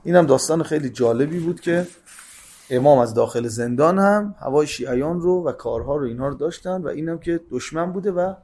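Lively, higher-voiced male preacher telling a story. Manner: reads Arabic lines, then retells them in casual colloquial speech; lively, swings between loud emphasis and soft asides. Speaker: religious lecturer. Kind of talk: sermon-style hadith storytelling.

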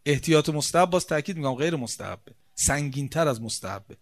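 A man preaching a religious sermon, emphatic, repeating key phrases and asking rhetorical questions, swinging between soft and forceful. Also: fairly high pitch, animated.

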